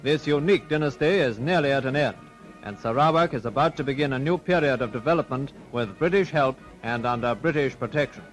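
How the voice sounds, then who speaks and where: A man's voice: medium pitch, moderate pace. A man giving formal archival newsreel narration in an announcing manner. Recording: old newsreel soundtrack with music.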